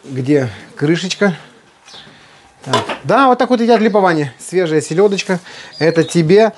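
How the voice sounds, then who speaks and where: This home cooking video host talks casually while he works, playful and folksy and full of affectionate diminutives. His voice is high with lively intonation at a moderate pace, set against a noisy kitchen of clattering and clicking.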